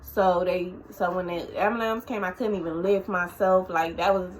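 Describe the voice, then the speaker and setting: A woman vlogger telling a personal story to the camera, halting and emotional, with many fillers and restarts. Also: on the low side, fairly even intonation, a little hiss or hum, poor audio.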